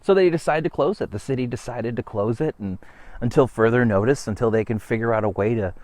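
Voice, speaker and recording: A man's voice: medium pitch, quick pace, a little mellow, no room sound. A man hosting a motorcycle vlog, chatting casually in an outdoor recording. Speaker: motovlog host. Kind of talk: casual chat.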